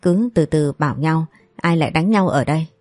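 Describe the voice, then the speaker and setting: A woman voicing a calm young man who soothes a quarrel. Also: low voice, normal speed, no room sound. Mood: soothing. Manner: soothing, reasonable.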